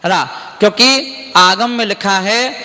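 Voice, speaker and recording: A male monk delivers a sermon into a microphone, telling stories and repeating chanted wordplay with animation. His voice is high and bright. A long reverb trails his words through the hall. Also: fairly even intonation, measured pace. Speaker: Jain monk.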